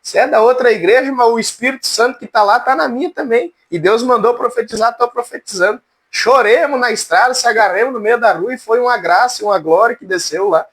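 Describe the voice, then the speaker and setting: A man with a strikingly high, cracked voice leads a relaxed church class. He jokes along in a folksy way and keeps calling on students by name. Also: fast. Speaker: Bible teacher. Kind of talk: informal church class lecture.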